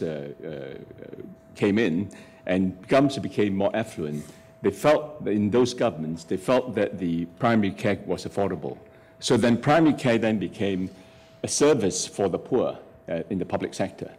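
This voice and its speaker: A middle-aged man on a conference panel, speaking into a table mic, explaining policy in a measured way with frequent hesitations. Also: lowish voice, darkish tone, breathy edge. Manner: measured, explanatory, many fillers and restarts. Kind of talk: academic panel discussion. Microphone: table microphone.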